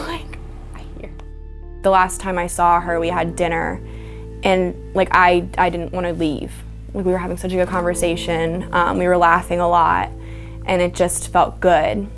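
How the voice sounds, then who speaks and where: A young woman speaks quietly in a documentary interview, her phrases halting and full of fillers. A clear music bed plays beneath her voice. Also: fairly low pitch. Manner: soft, halting, frequent "like". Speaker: interviewee, daughter of a victim.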